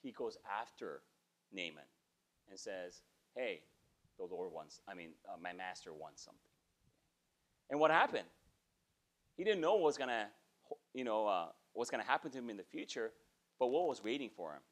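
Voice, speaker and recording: With long pauses and a moderate pace, a fairly low-voiced pastor in his forties preaches a sermon in a small church sanctuary. His delivery is conversational, with animated gestures and repeated "okay?" check-ins.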